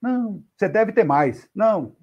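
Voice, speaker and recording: A man's voice: high voice, lively intonation, normal speed, breathy edge, muffled recording, voice pushed up, heavily acted. A Brazilian Portuguese-speaking man voicing a poor young robber who makes demands in a retold story. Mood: demanding. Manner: demanding, pushy. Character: rough poor young male street robber.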